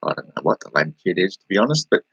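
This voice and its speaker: A man's voice: low-pitched, very animated, very fast, fairly bright tone, breathy edge, no echo, muffled recording. An Australian man rambling casually on a livestream, answering viewers and laughing as he talks. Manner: rambling, laughing, talking back to chat.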